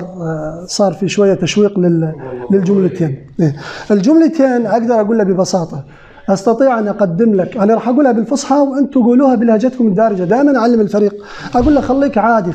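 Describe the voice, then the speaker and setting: Male sales trainer, fast and high, repeats his points; muffled recording. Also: dark tone. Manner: asks the room questions, repeats key phrases. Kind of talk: lecture to a live group. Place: training center lecture room.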